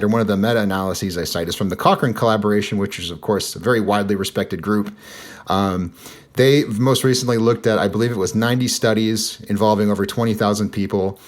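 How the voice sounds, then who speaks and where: A man with a lowish voice hosts a podcast in relaxed conversation. He jokes and turns sarcastic at times, and he leans on fillers as he explains things. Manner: joking, sarcastic, lots of fillers. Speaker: podcast host. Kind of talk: casual podcast chat.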